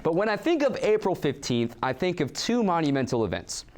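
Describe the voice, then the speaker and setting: Lively young man anchoring sports news. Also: on the high side, fairly quick. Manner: lively, animated delivery with playful ribbing. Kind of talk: student sports news show, scripted reads and banter.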